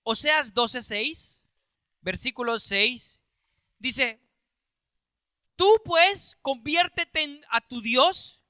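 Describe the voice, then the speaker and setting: Male preacher, high bright voice, verse-by-verse sermon with emphatic repeated phrases. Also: dry recording. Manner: reads Bible verses aloud and explains them, repeats phrases for emphasis; bursts into loud emphatic calls.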